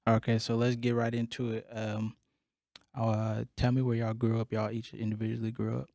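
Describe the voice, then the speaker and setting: A man's voice: medium pitch, normal speed, dry recording. Laid-back male podcast host. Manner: relaxed, laid-back questioning with fillers. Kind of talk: casual interview chat.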